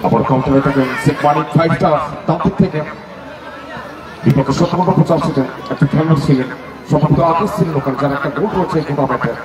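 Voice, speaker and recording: Echoey, excited man commentating football. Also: fairly high pitch, racing. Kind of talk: live play-by-play football commentary. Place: outdoor football ground with crowd. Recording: distant echoey outdoor PA, loud crowd.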